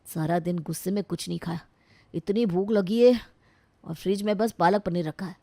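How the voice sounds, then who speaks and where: A woman's voice: fairly low pitch, vocal fry, warm tone, dry recording. Brief: woman voicing a moody young husband, storybook, emotional, dry close sound. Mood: weary. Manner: emotional, quick to anger. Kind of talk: storybook voice acting.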